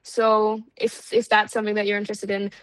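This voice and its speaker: A woman guesting on a podcast in casual chat, talking in a relaxed, hesitant way with many pauses to find her words. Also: medium pitch, no echo, rough recording.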